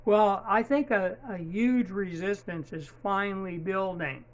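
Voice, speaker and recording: A man calling in to a talk show and speaking in an indignant, deliberate way. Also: sits high, noisy background.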